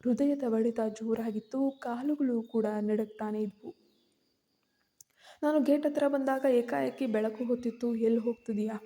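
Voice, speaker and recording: A woman's voice: fairly high pitch, steady tone, a little slow, warm tone. A woman narrating a suspense story in the first person, with tense, fearful storytelling.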